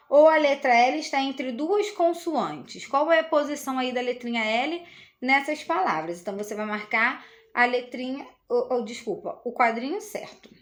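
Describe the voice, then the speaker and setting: A woman with a Brazilian Portuguese accent teaching a children's lesson, explaining slowly and patiently with many tag questions. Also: fairly high pitch.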